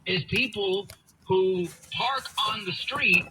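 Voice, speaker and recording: Slowly and in a high-pitched voice, a male radio talk host gives a forceful, opinion-heavy monologue, repeating lines to drive them home. Faint background noise runs through the broadcast.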